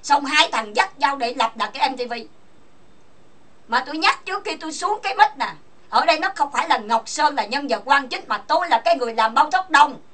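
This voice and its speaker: Angry high-voiced woman ranting fast. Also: animated, fairly bright tone, far from the mic. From Vietnam. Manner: angry, accusing, insulting, asks listeners for agreement. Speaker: online chat room host. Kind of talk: heated voice chat rant.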